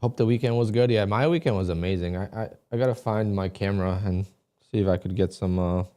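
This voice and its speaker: A man with a deep, dark voice chats loosely on a live stream while he trades. He talks in a relaxed way, thinking aloud and restarting his sentences as he goes. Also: fast talker. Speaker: livestream day trader. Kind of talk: casual live-stream chat.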